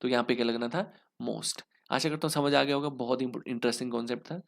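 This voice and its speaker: A young man's medium-pitched voice, steady in tone and touched with vocal fry, moves quickly through a Hinglish exam lesson. Speaking with an Indian English accent, he breaks each answer into steps and answers the questions he poses.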